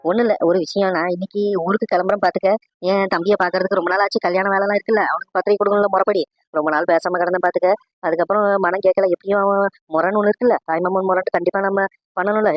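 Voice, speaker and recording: A commanding old village matriarch from a cartoon, voiced by the show's performer. She talks fast with a lilt, scolding and giving orders. The sound is dry and close. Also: mid-range voice, steady tone, no room sound, highs cut off, close to an everyday voice. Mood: bossy. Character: bossy old village woman, sharp-eared matriarch. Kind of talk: animated cartoon dialogue.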